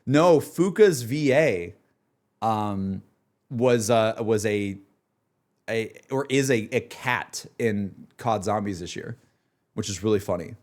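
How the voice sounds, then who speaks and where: On stream, an enthusiastic young man rambles about games in a casual, self-deprecating way. He speaks slowly and expressively, with a fairly low pitch and a darkish tone.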